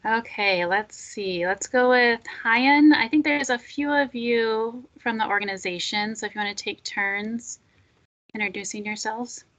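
A woman facilitating a video meeting, speaking slowly and upbeat as she calls on each participant by name. She sounds like she is talking into a laptop mic on a call. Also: on the high side, fairly bright tone.

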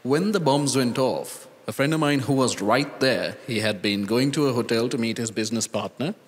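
A man, speaking as a panelist at a conference, earnest and deliberate, pausing and restarting as he thinks, into a handheld mic on a large hall stage. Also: mid-range voice. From Sri Lanka. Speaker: conference panelist, data scientist. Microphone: handheld microphone. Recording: reverberant conference hall sound.

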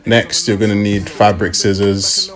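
A young man walks through a craft project in a low, easygoing voice, pausing on the odd um. Quiet hip hop plays underneath. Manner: relaxed, step-by-step explaining with fillers. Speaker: fashion DIY vlogger. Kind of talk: casual tutorial voice-over. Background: hip hop music.

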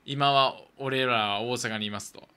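A man from Okinawa in casual radio chat, relaxed and teasing, chuckling often. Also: mid-range voice, a little slow, smooth.

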